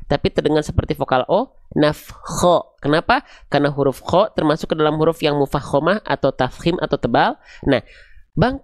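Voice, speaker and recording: A man's voice: a little high, no echo, studio quality. A man teaching Quran recitation in an online video lesson, patiently explaining step by step and asking questions aloud before answering them himself.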